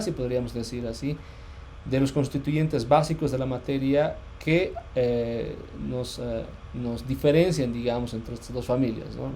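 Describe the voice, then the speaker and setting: A man from Bolivia giving a university physics lecture, pausing often with fillers and restarts and checking that students follow. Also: mid-range voice, dark tone, slight background noise.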